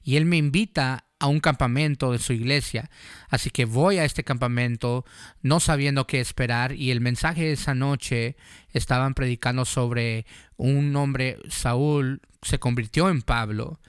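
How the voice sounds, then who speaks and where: A man's voice: mid-range voice, measured pace, clear, resonant tone, no echo, clean studio sound. A man preaching, telling his own testimony and then making an earnest, urgent altar call to the listener.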